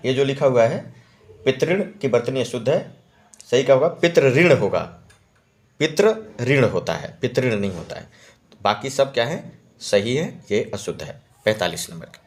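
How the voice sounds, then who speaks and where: Man patiently explaining test answers. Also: medium pitch. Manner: repeats key words and checks with "है ना". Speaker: Hindi exam-prep teacher.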